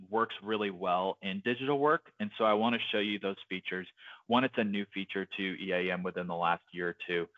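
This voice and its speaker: A man giving a live software tutorial, talking in a casual, hesitant way with many fillers. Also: on the low side, dry recording, muffled recording. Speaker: software trainer.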